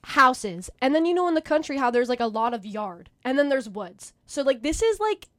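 Young female podcast co-host, lively storyteller, raised voice, dry studio sound. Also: high voice, normal speed, no room sound. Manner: animated, fillers like "basically" and "like". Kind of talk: casual storytelling chat.

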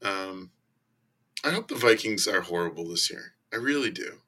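A man with a croaky, hoarse voice and creaky starts, chatting casually and bluntly as a fantasy sports podcast guest. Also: sits low, lively intonation, normal speed, bright, forceful tone. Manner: blunt, profane. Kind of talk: casual fantasy football chat.

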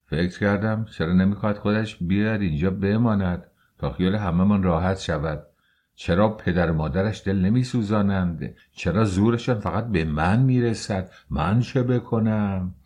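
A man narrating an audiobook novel in a measured, unhurried storytelling manner. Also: sits low, a little mellow. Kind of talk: scripted narration.

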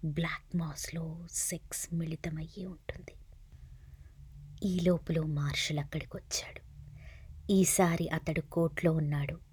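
A woman narrating a serialized novel in a soft, hushed reading voice. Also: low voice, flat delivery, measured pace, long pauses, husky. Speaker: audiobook narrator.

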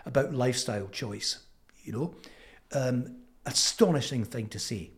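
A man's voice: mid-range voice, animated. Older Scottish man with a Fife accent. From Fife, Scotland. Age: 70s. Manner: halting, thoughtful, with frequent pauses. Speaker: interview guest. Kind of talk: reflective conversational storytelling.

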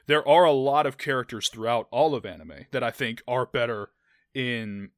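A young adult man co-hosts a podcast, chatting casually about anime and rambling with many restarts and "like" fillers. He speaks at normal speed in a medium pitch, recorded in studio quality with no room sound.

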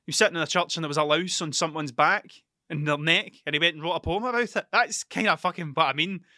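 Casual male monologue, broad Scottish accent from Ayrshire, forceful bright tone, dry close sound, sweary and blunt. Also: fairly high pitch, fast, no room sound. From Scotland, Ayrshire. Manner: sweary, blunt, self-questioning.

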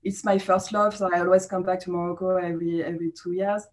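A thirtysomething French woman, speaking with a French accent, is a guest in a casual podcast interview where she laughs a lot and leans on fillers. She talks fast in a fairly low voice that shows little pitch movement.

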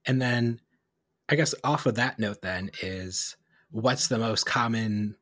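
A man co-hosting a podcast, talking casually and animatedly, with quick asides and self-corrections. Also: on the low side, a bit bright, dry recording, studio quality. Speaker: podcast co-host. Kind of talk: casual chat.

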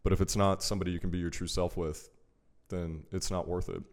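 A man hosting a podcast, chatting casually and getting animated when he stresses a point. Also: sits low, fairly quick. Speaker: podcast host. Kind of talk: casual chat.

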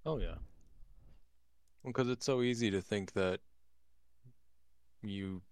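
A man's voice: fairly low pitch, slow, darkish tone, smooth, no room sound. A man co-hosting a casual podcast, talking earnestly and agreeing readily. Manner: earnest, agreeable, laughs easily. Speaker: podcast co-host.

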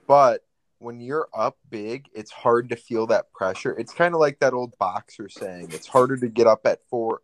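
Low-voiced man, dry close sound. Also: no echo. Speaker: podcast co-host. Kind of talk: casual sports chat.

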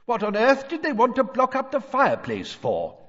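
A man's voice: fairly high pitch, big pitch swings, normal speed, fairly bright tone, husky, no room sound, highs cut off, pitched above the performer's own voice, heavily acted. A man voicing a flustered, apologetic middle-aged wizard father in an audiobook, eager and rambling. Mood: excited, curious.

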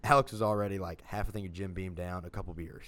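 Casual podcast co-host, male, lower pitch, profane, animated storyteller. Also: quick pace. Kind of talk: casual chat.

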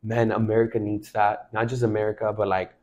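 A man in his twenties from Mexico, talking excitedly about faith in a casual chat, emphatic and full of slang fillers. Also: lowish voice, fairly quick, lo-fi sound, crowd noise. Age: 20s.

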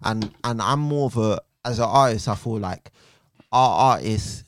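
A man with a low voice and a London roadman accent, talking casually as a podcast co-host. His speech is slangy and keeps checking in with tag questions. The sound is dry, with no room on it. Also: measured pace, no echo.

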